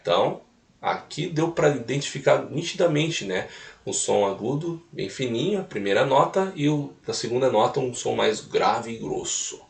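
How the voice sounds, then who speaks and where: A man's voice: medium pitch, expressive, moderate pace, vocal fry, slight background noise. A man teaching a recorded music lesson, explaining step by step and tagging points with little questions. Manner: explanatory, repeats points with "né?" tags. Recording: roomy echo, mic at a distance.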